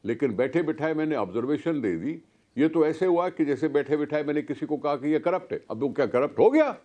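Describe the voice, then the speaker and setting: A man with a Pakistani Urdu accent argues heatedly as a political guest on a talk show, pressing his case forcefully with rhetorical questions. His voice is fairly high and expressive, and he talks fairly quickly.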